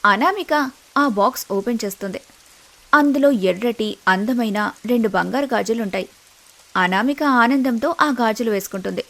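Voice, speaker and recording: A woman's voice: fairly high pitch, moderate pace, a bit bright. Woman narrating a dramatic story. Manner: dramatic, suspenseful.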